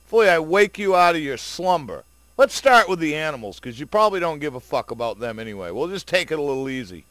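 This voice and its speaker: A high-pitched man rants in a furious, profane commentary. He sneers at his listeners, mutters under his breath, then bursts out loudly. The recording is close and dry, with no room sound. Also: big pitch swings, fast talker, no room sound. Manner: profane, swings from low muttering to loud outbursts; sarcastic, scornful toward listeners. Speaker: video blogger. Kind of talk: angry ranting commentary.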